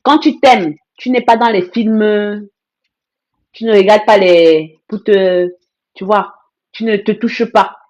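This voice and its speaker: A woman's voice: mid-range voice, slow pace, darkish tone. A woman hosting a live stream, talking in a blunt, emphatic way with lots of repeated phrases and greetings to viewer comments. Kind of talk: casual live-stream monologue.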